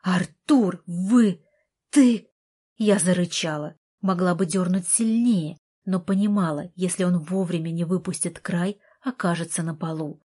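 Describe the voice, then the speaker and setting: Husky low-voiced woman narrator. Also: normal speed, few pauses. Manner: expressive reading, voicing the heroine with passion. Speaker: audiobook narrator. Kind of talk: scripted first-person narration.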